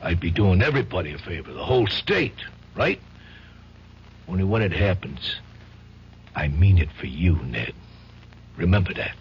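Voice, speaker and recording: In a 1970s radio drama, an actor with a deep, very animated voice plays a tough, loyal, menacing streetwise man who is gruff, slangy and full of wisecracks. He talks at a normal speed with frequent pauses. The dull old broadcast carries a little hiss or hum.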